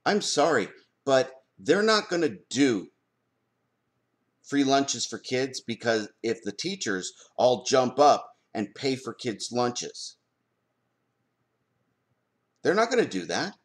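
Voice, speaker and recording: A man's voice: mid-range voice, sing-song, slow, pauses often. Emphatic man ranting with rhetorical questions. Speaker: parent commenting on school board policy. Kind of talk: opinion vlog rant.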